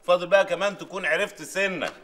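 A man's voice: high-pitched, steady tone, fast, fairly bright tone. An actor playing a sarcastic, exasperated man in a comedy series, speaking with an Egyptian accent and mocking the other man. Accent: Egyptian Arabic. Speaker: teacher.

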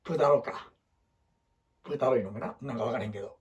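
A photographer speaking Osaka Kansai dialect rattles through life advice very fast, his medium-pitched voice a little mellow. Working at a whiteboard, he keeps it casual, blunt and rambling, and does quotes in other people's voices.

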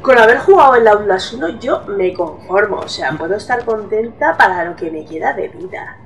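A woman's voice: medium pitch, expressive, moderate pace, far from the mic, background noise. A woman with a Spain accent giving casual horror game commentary, swearing often and easily startled. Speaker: gameplay streamer.

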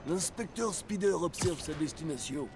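A man putting on a gravelly, slow documentary-narrator detective hero. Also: fairly high pitch, expressive, voice pushed up. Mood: mock-solemn. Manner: hushed-grandiose documentary-style narrator voice, slow and drawn out. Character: mock-serious superhero detective narrating himself in third person. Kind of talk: parody voice-over narration in a video game. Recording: game music behind.

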